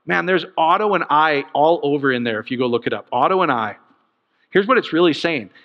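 A middle-aged male pastor preaches with a somewhat high voice, animated and joking. The sound is a little dull, and a long reverb trails each phrase as in a big hall. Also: a little fast. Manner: animated, joking, bursts into laughter. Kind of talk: sermon.

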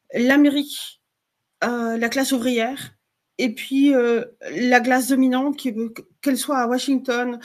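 A woman calling in to share a political opinion casually, hesitant and restarting her phrases. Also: sits high. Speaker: call-in listener.

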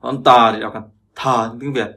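Male language teacher, mid pitch, repeats himself, keeps checking in with listeners. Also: fairly even intonation, brisk, sharp tone. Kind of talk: explaining pronunciation lesson.

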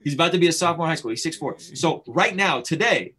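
A man in his thirties on a video call, talking fast and animated, gesturing as he makes his case from a small room. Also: on the high side, slightly rough. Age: 30s. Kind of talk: casual debate on a video call.

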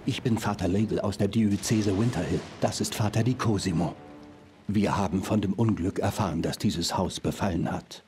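Actor as a low-voiced, courteous priest. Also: male voice, normal speed, a little mellow, soft background music, close to an everyday voice. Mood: solemn, courteous. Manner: courteous, formal. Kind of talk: video game acting, German dub.

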